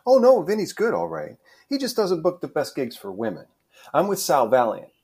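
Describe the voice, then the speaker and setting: A man's voice: fairly high pitch, wildly swooping pitch, moderate pace, darkish tone, voice pushed up. A man doing a chirpy young woman with a Midwest twang. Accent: Midwestern American, put on. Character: playful young woman hired protester.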